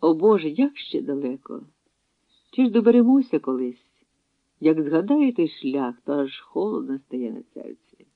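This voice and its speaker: Male reader doing a weary young woman fugitive, soft-spoken; thin phone-like sound. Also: fairly high pitch, big pitch swings, normal speed, gravelly, dry recording, full character voice. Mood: sorrowful. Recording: tinny phone-like dry sound.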